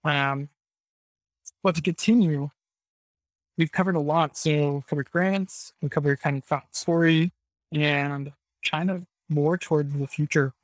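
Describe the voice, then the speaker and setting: A man with a slightly high, very even voice moderates a casual discussion. He talks informally, in the language of startup circles. The sound is dry. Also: measured pace, no echo, poor audio. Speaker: host of a live audio discussion.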